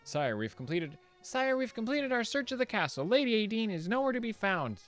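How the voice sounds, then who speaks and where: A man doing a high-voiced dutiful soldier. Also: big pitch swings, brisk, fairly bright tone, soft background music. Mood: reporting. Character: dutiful young male soldier. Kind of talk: reading game dialogue aloud.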